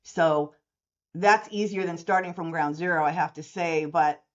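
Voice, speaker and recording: A woman in her sixties who owns a mortgage services company speaks in a long-form interview, her voice lowish and her pace normal, with lo-fi sound quality. She's an animated storyteller, acting out the voices of the people in her stories and performing their quoted dialogue.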